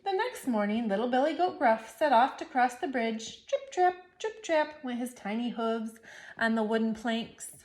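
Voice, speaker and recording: A woman reading a children's storybook aloud with expressive, playful narration. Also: fairly high pitch, moderate pace.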